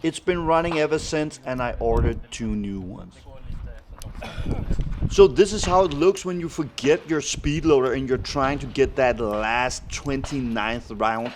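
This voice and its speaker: A man narrating a casual vlog as a competitive shooter, chatting informally. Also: mid-range voice. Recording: clear background noise, outdoor ambience.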